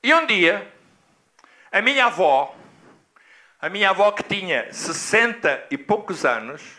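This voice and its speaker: Emphatic high-voiced preacher. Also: male voice, big pitch swings, measured pace, sharp tone. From Angola. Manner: emphatic, dramatic, with big swings in pitch. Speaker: pastor. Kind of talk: sermon with personal storytelling.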